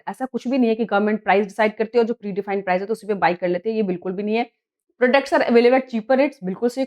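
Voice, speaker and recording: A woman teacher with a Hindi accent, reading quiz questions slowly in English and explaining the answers in Hindi. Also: on the high side, a little mellow. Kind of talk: exam prep lesson.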